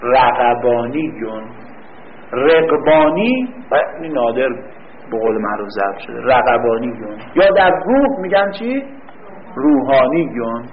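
Lively man teaching, dull lo-fi sound. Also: medium pitch, slight background noise. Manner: quizzes the class and answers his own questions; reads a line slowly, then explains it quickly. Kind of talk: classroom lecture on grammar. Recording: dull lo-fi recording.

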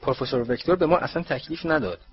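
A cheerful know-it-all schoolgirl voiced by a man, her voice lifted a little higher and brighter than the narration, in a storybook reading. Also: highs cut off, slight background noise, lightly acted.

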